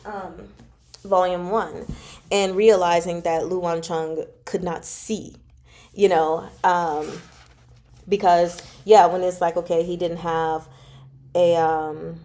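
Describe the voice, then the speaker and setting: A woman hosts a casual livestream from home, reading chapters aloud and answering viewer comments in an informal, giggly way. Her voice is on the low side and mellow, with a level tone and slow pace.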